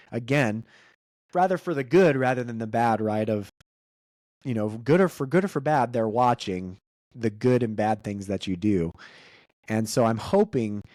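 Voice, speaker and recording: A man's voice: fairly low pitch, a little mellow, dry recording, clean studio sound. A man co-hosting a podcast with his father, talking casually, rambling with restarts and fillers. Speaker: podcast co-host.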